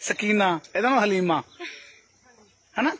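A man's voice: high-pitched, animated, measured pace, fairly bright tone, a little hiss or hum. A man vlogging outdoors in a field, chatting and joking with the people he meets. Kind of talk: casual chat.

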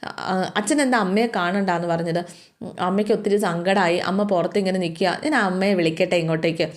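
A woman voicing an eager young schoolgirl who pleads in a high, childlike way. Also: fairly even intonation, quick pace, natural voice. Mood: pleading.

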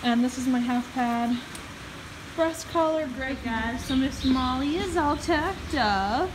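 A high-pitched young woman takes her time while casually talking to her viewers and laughing a lot. She records herself on a phone camera held at arm's length in a horse barn, partly outdoors in rain, with barn noise in the audio.

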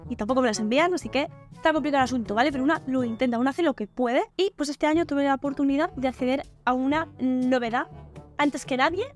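Girl doing a makeup review, high voice, super gushy and chatty, soft music under it. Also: fast. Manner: chatty and gushing, with playful slang. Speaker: beauty vlogger. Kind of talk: casual product review vlog.

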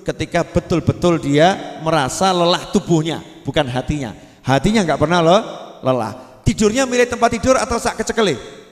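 A man's voice: on the high side, moderate pace. A man preaching a sermon, asking the crowd questions and drawing out his words. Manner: lively, asks the crowd questions and draws out words. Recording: long hall reverb.

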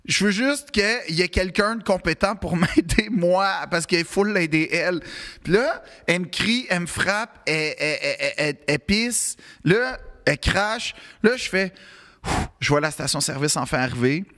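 A man with a Quebec French accent telling a comic story in casual podcast chat, animated and halting, full of restarts and repeated words. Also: sits high. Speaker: podcast co-host.

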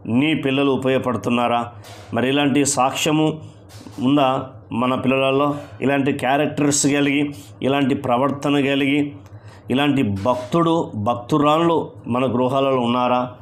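A male pastor delivering a sermon at an ordinary middle pitch. He reads scripture slowly and with weight, then drives his point home through repeated refrains. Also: steady tone. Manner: preaching with slow, emphatic scripture readings and repeated refrains.

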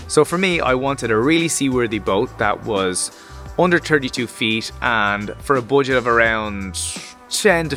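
A man's voice: medium pitch, a bit bright. A man, talking through a sailing vlog in a casual, conversational way, gesturing as he explains. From Ireland. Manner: conversational, gestures while explaining, fillers like "like" and "you know". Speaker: sailing vlogger. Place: outdoors by a stone wall.

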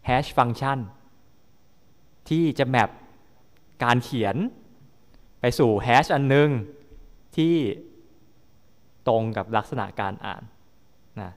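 A man's voice: medium pitch, extremely slow, pauses often. Man lecturing in a reverberant hall. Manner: explanatory, often checking understanding with tag questions. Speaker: university lecturer. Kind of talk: classroom lecture.

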